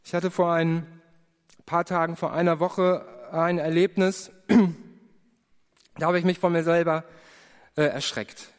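A man giving an earnest personal testimony in a sermon, telling his story with prayerful pauses. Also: on the high side, steady tone, clean tone. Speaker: preacher. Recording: long hall reverb.

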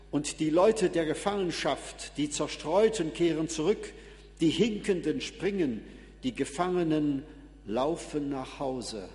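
A man preaching a sermon as pastor, emphatic and swinging between loud and hushed passages. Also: a little high, long reverb tail.

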